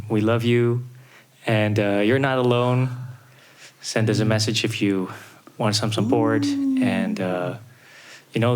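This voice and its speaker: A man on a podcast, giving a soft-spoken, reassuring closing message with hesitant fillers, recorded in a treatment room. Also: lowish voice. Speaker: podcast co-host or guest. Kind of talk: warm podcast sign-off.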